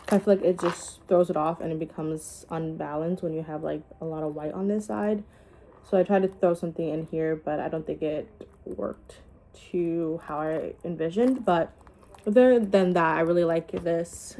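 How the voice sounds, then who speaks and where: A woman's voice: fairly low pitch, warm tone, slight background noise. A woman chatting casually in a home vlog, rambling with many restarts, talking around a piece of gum. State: chewing gum. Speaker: vlogger.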